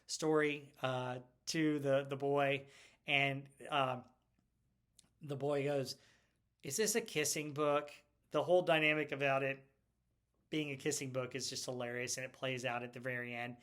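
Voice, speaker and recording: A man's voice: a little high, fairly bright tone. A middle-aged man hosting a casual pop culture video, chatty and rambling, laughing often as he talks. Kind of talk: casual movie retrospective talk.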